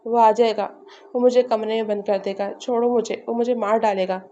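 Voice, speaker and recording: A woman's voice: a little high, level tone, mellow, a little hiss or hum, natural voice. A woman reading the lines of a timid, frightened young woman who stammers with a trembling voice, on a slightly muffled recording. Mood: terrified.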